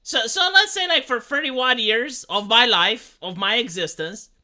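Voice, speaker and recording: At a measured pace, an animated Romanian streamer in their thirties delivers casual livestream commentary in a pushed, bright, medium-pitched voice. The talk to chat is rambling and profane, stopping and restarting throughout.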